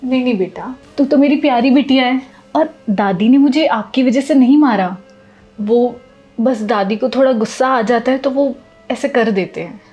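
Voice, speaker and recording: A woman playing a patient young daughter-in-law who speaks gently and pleadingly to her family. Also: on the high side, moderate pace, breathy edge, muffled recording, faint music behind. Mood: tender. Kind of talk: Hindi short film acting.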